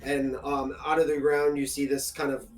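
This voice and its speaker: A man's voice: medium pitch, flat delivery, moderate pace, faint music behind. A man running a tabletop game as game master, narrating unhurriedly with frequent fillers. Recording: distant mic with faint background noise.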